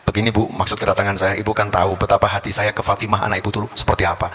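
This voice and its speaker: A man's voice: fairly low pitch, little pitch movement, racing, a bit bright, breathy edge, voice pushed down. A man voicing a young male student who politely and earnestly asks for a marriage.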